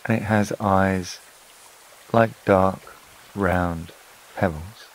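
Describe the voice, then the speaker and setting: A man with a low-sitting voice narrates a scripted sleep meditation, calm, soothing, and unhurried, leaving long pauses between phrases. Water and rain sounds, like a flowing stream, run behind him on a low-quality recording.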